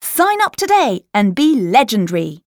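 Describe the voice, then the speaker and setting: A woman's voice: on the high side, big pitch swings, normal speed, dry recording. A woman reading a scripted podcast sponsor message in an upbeat, boastful sales tone, recorded in a studio. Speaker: voice actor reading an exam audio script.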